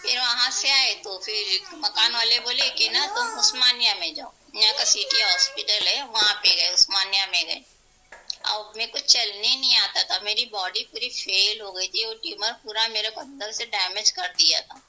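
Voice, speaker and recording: A middle-aged woman with a Hyderabadi Urdu accent, telling her own story to an interviewer in a lively, devout way and voicing the people in it. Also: medium pitch, normal speed, rough recording. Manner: animated, vivid retelling with voiced quotes; devout, invokes God often. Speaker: interview guest. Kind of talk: personal storytelling.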